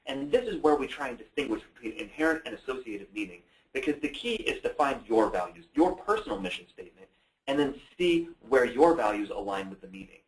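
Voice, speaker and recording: A man's voice: medium pitch, sing-song, fairly quick. Man telling stories in a roomy hall. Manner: storytelling, conversational. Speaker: co-presenter. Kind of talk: conference presentation. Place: presentation hall.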